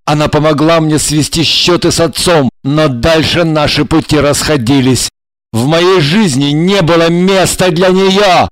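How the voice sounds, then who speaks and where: A woman's voice: low-pitched, unhurried, dry recording, voice pushed down, low-quality recording. Woman doing a desperate pleading husband voice, begging, urgent, dry sound.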